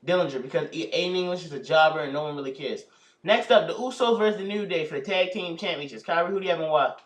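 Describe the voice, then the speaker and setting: A man's voice: a little high, fast. A young man hosting a casual prediction video, rambling and often restarting his sentences. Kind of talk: casual wrestling predictions chat. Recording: echoey room, mic far off.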